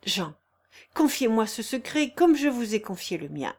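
A woman's voice: fairly high pitch, very animated, unhurried, a little mellow, heavily acted. A woman reading the lines of an earnest, embarrassed young man in love, in an audiobook.

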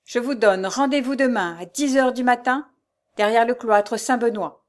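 A woman's voice: fairly high pitch, normal speed, pitched above the performer's own voice, natural voice. A woman voicing an arrogant nobleman who mocks and threatens a young wife he is abducting, in a read-aloud story. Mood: impatient threatening. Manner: mocking, threatening.

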